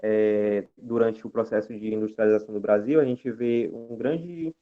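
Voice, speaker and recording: A man's voice: lowish voice, steady tone, normal speed. A young Brazilian man giving a lecture presentation over a video call, talking hesitantly with many filler sounds and restarts. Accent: Brazilian Portuguese. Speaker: guest speaker. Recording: tinny video call audio.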